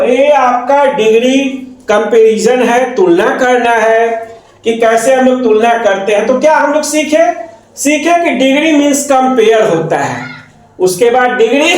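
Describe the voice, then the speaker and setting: A man's voice: very high voice, darkish tone, heavy reverb. A man with a Hindi accent teaching an English grammar lesson, repeating terms and asking and answering his own questions. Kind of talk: classroom lesson explaining grammar.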